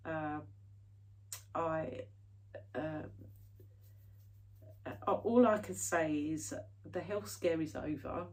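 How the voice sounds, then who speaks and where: Talking casually to her viewers, a British woman who vlogs about cross-stitch rambles on with plenty of fillers and restarts, hay fever leaving her slightly stuffy. She's recorded from a distance, her low, darkish voice very slow with long pauses.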